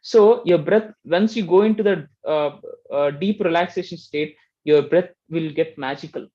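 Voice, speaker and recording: A man teaching meditation in a gentle, explaining way, often checking in with "right?". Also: fairly high pitch, moderate pace, lo-fi sound. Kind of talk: casual spiritual teaching talk.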